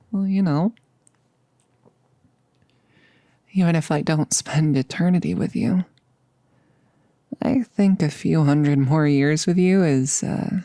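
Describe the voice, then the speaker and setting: Recorded close and dry, a performer in an intimate ASMR roleplay plays a jittery girlfriend who jokes to cover her nerves while confiding before becoming a vampire. Her medium-pitched voice is mellow and creaky. The tone is playful and tender, and the unhurried, halting, confessional delivery dips into whispers.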